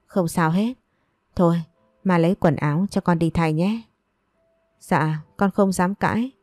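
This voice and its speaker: A woman's voice: on the low side, unhurried, darkish tone, dry recording, studio quality, natural voice. A woman voicing a tearful, wheedling young woman in a romance story, speaking in a plaintive, whimpering way.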